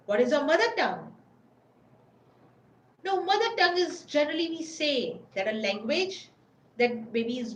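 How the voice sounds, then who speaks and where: A woman with a high voice presents an informal webinar lecture, often repeating herself and searching for words. The roomy recording carries slight background noise and faint ambience.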